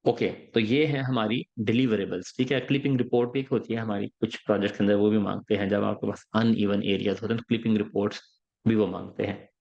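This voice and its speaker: A man's voice: fairly low pitch, steady tone, quick pace, vocal fry, a little mellow. Man coaching step by step, lo-fi. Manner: explains step by step, often checking in with "ठीक है?". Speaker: engineering interview coach. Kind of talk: explanatory podcast lesson.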